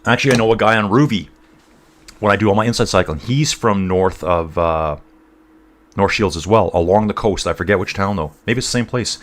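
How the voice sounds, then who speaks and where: A man's voice: on the low side, fairly quick. A man from North East England hosting a casual cycling livestream, rambling between race commentary and reading out viewer chat, calling everyone dude and guys.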